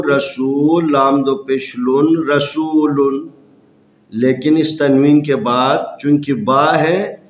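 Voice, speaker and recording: This slow Quran reading lesson comes from a man whose Pakistani Urdu accent is clear and whose voice sits in the mid range. He spells each letter and vowel mark separately, and the audio is reverberant.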